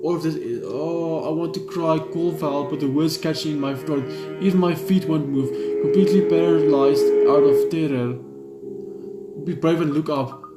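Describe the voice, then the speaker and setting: In a let's play recorded at home, a high-voiced young man who hosts gaming videos stumbles haltingly through visual novel text. Game music plays under a roomy, echoey sound.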